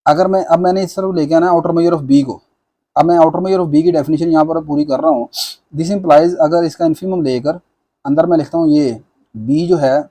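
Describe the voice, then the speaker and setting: Mellow-voiced man explaining maths proofs. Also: a little high. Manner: patient, repeats "theek hai na" to check understanding; mixes English maths terms into Hindi-Urdu speech. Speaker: maths lecturer.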